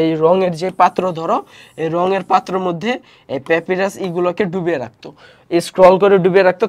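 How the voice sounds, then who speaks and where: A man's voice: high voice, darkish tone, highs cut off. A young man teaching an online history class, walking through slides and posing questions he then answers himself. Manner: explains slides step by step, asks and answers own questions; many fillers and restarts.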